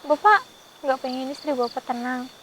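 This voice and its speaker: A woman investigating the paranormal, who pleads gently and keeps addressing the man she is talking to with a polite title. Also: high voice, animated, normal speed, a little hiss or hum, rough recording. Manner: gently pleading, repeats "Pak" often. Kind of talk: vlog. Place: outdoors in a forest at night.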